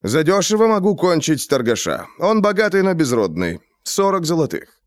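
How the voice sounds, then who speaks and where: A man's voice: on the high side, sing-song, normal speed, dry recording, clean studio sound, pitched above the performer's own voice. A man doing a cold haggling assassin. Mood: calm haggling.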